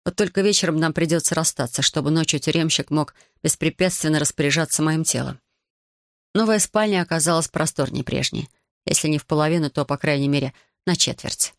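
A woman's voice: low voice, brisk, no room sound, clean studio sound. Woman narrating an audiobook. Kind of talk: first-person audiobook narration.

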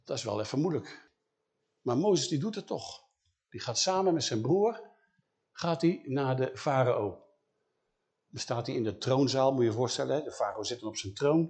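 A man's voice: medium pitch, animated, normal speed, long pauses, a little mellow. A man retelling a Bible story in a conversational way, with frequent questions to the listener.

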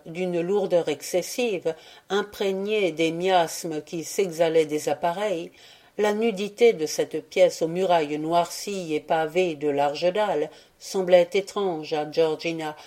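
Low, mellow woman reading a tale. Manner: steady, measured storytelling. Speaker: audiobook reader. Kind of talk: scripted narration of a classic tale.

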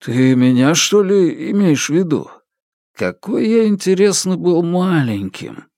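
A big, soft-hearted foreign pastor, slow and wistful, quick to bluster, as a man plays him. His tone is a little raised and lively in its melody. The sound is close and dry. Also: on the high side, no room sound, pitched above the performer's own voice. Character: big foreign male pastor, sentimental and hot-tempered.

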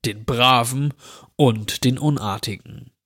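A drawling, menacing stranger, put on by a male reader in a horror story reading. He talks very slowly and mockingly, like someone savoring every threat. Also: mid-range voice, fairly bright tone. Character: sinister drawling man, dirty, menacing wish-granter.

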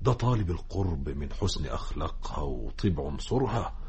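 A deep, raspy village sheikh. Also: male voice, animated, a little fast, a little mellow, dull audio, full character voice. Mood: counseling. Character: older village sheikh, calm and preachy.

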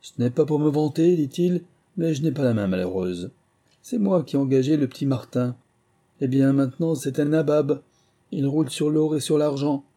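A man voicing a boastful, jovial middle-aged recruiting officer who talks loudly and coaxingly. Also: fairly high pitch, animated, normal speed, pitched above the performer's own voice. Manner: loud, expansive, coaxing.

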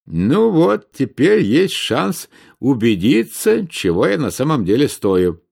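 A man reading an audiobook, voicing a brash, boastful adult prince in a raised, animated voice. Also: mid-range voice, takes it slowly, vocal fry, slightly rough, exaggerated voice.

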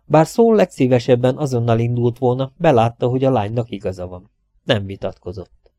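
A man reading a thriller aloud as an audiobook narrator, steady and even. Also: medium pitch, no room sound, studio quality. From Hungary. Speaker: audiobook reader.

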